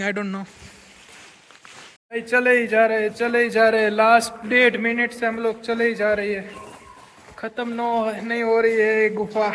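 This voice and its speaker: High-voiced man echoing in a cave. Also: pushed and bright, a little hiss or hum. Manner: chatty, talks to viewers while walking. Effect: heavy cave echo. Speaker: travel vlogger. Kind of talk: casual walking travel vlog. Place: inside a long rock tunnel cave.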